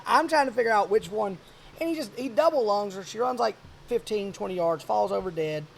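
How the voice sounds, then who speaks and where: A man around forty hosting a podcast, telling a hunting story in a rambling, animated way. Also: high voice, fairly quick, vocal fry, slight background noise. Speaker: podcast host. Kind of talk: casual chat.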